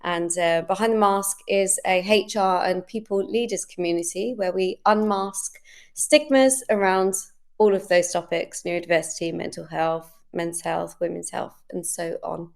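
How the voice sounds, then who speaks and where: A woman's voice: lowish voice, steady tone, moderate pace, gravelly. A woman, introducing herself as a panel guest in an open, thoughtful way over a video call. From London, England. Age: 30s. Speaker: community founder, panel guest. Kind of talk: casual self-introduction.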